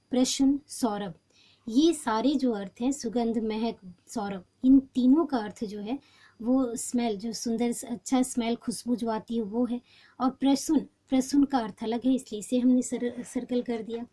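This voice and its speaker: A woman teacher explaining a textbook lesson patiently, pausing often with fillers and restarts. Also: high voice, dark tone.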